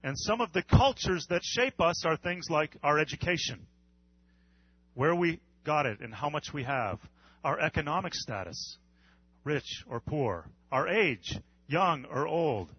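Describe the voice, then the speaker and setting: A man preaches a sermon in an earnest, measured way, pausing and repeating his phrases. His voice sits slightly high for a man. The recording is dry and a little dull. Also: animated, husky, no room sound. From United States. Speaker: pastor.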